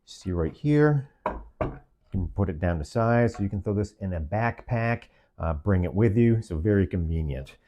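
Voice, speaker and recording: A man with a low-pitched, dark, relaxed voice walks through a product demonstration like an online reviewer, explaining in an orderly way and listing features in short phrases. He talks at a moderate pace, with a little hiss or hum in the background.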